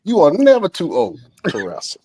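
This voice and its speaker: A man in his thirties hosting a podcast interview, relaxed and halting, using many fillers and laughing along. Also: on the high side, slightly rough. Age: 30s. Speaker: podcast host. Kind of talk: casual interview chat.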